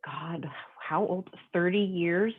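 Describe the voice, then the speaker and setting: Woman, chatty and rambling, slightly low voice, tinny phone-like sound. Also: slow, husky. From Long Island, New York. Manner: chatty, rambling with many fillers. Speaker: guest author. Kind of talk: casual interview chat. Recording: tinny phone-like call audio.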